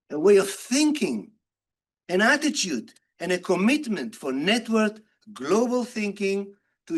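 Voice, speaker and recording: A man with a somewhat high voice gives a conference talk as a university lecturer. He speaks interactively, posing questions to his listeners and then answering them. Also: fairly bright tone. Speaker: university lecturer in nursing and health informatics. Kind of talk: conference presentation to an audience.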